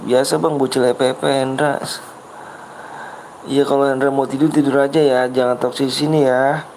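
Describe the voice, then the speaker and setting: A man's voice: mid-range voice, a little mellow, a little hiss or hum, rough recording. A man hosting a game livestream, chatting casually with Jakarta slang, patiently reading comments and coaxing viewers over and over. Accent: Jakarta Betawi slang. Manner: patient, reads chat, repeats himself coaxingly.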